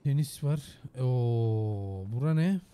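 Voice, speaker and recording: A hoarse man livestreaming a game, commenting loudly with jokes and heavy swearing. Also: medium pitch, lively intonation, takes it slowly. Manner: loud, joking and heavily profane. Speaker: streamer. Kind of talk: casual gaming livestream commentary.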